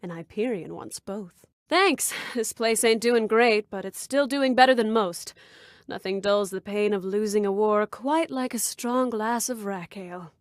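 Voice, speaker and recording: A woman's voice: mid-range voice, a little slow, no room sound, studio quality, close to an everyday voice. A woman voicing a flirtatious, brash bar owner in a video game, speaking in a sultry, suggestive purr. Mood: flirty. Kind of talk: video game character dialogue.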